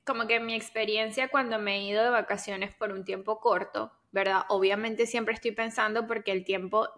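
A woman's voice: medium pitch, fairly even intonation, moderate pace, a bit bright. A woman co-hosting a casual chat, telling stories in Spanglish, dropping English words into her Spanish. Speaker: podcast co-host.

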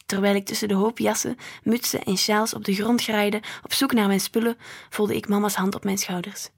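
Breathy woman reading a children's story. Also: medium pitch, little pitch movement, moderate pace. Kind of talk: reading a children's book aloud.

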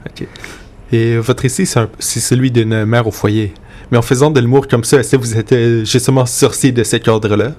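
A man's voice: mid-range voice, steady tone, moderate pace, a little mellow. Man asking brief interview questions.

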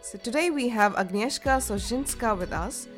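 A woman hosting a casual space podcast, introducing her guest and asking clear, friendly questions. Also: fairly high pitch, animated, moderate pace, faint music behind. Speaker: podcast host. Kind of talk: casual interview.

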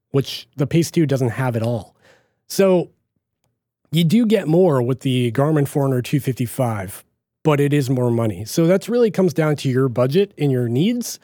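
A man with a Boston accent chatting through his solo podcast in a loose, rambling manner, often circling back with fillers. His voice sits a little high yet sounds dark and mellow, with a dry, close sound. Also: no echo. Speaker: podcast host. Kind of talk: casual solo podcast talk.

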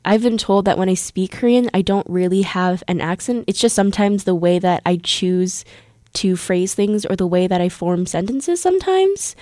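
Speaking at a moderate pace with an animated, medium-pitched voice and a darkish tone, a young adult woman from the United States tells a story on her podcast. She rambles casually in Korean, then English, often restarting and using fillers, in a dry, studio-quality recording.

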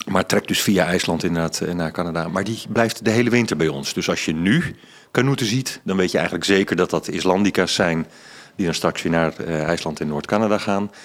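A man's voice: low-pitched, a little fast. A middle-aged man, an author, explaining in a casual interview with many ums and restarts. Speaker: author and science journalist.

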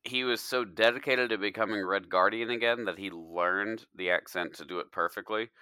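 Deep-voiced man with a bright edge. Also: normal speed, clear, resonant tone, dry recording. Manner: emphatic, profane, pitches theories. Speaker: podcast co-host. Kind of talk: casual movie discussion.

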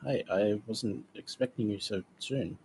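A man's voice: on the low side, unhurried, darkish tone, slight background noise, poor audio. A man voicing an awkward, earnest young woman adventurer who speaks hesitantly and stumbles over words.

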